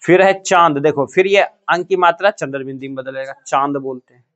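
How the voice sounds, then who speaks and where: A man's voice: a little high, brisk, a bit bright. A male teacher giving a classroom lesson, asking students questions and repeating the answers. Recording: muffled lo-fi classroom recording.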